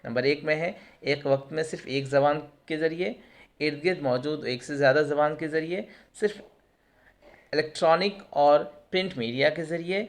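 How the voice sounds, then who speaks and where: A male teacher explains test questions, asking and answering his own questions and glossing terms in English. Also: on the high side. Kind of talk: exam prep lesson.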